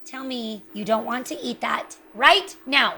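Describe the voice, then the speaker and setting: A woman's voice: a little high, unhurried, background noise. A woman hosting a home cooking show, chatting enthusiastically as she demonstrates a recipe. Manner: chatty and enthusiastic, exclaims over the food.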